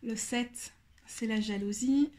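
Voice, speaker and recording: A woman casually walking through a card deck on her channel, speaking in a thoughtful, hesitant way and often pausing to search for words. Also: fairly high pitch, darkish tone. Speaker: tarot deck reviewer.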